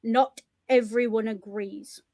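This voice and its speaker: High-voiced, blunt opinionated woman. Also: steady tone, slow pace, a little mellow, dry recording, clean studio sound. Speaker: podcast co-host. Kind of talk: casual commentary chat.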